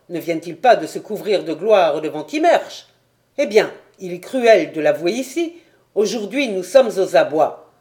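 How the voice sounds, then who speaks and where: A woman voicing a weary, stern nobleman commander in a storybook reading, speaking gravely and with reproach. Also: mid-range voice, warm tone, close to an everyday voice.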